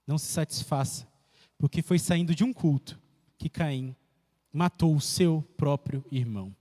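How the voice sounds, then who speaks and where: Pastor preaching hard, highish voice, lots of repeating, echoey church. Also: male voice, unhurried. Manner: emphatic preaching with repetition and sharp pitch swings. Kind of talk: sermon. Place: church sanctuary.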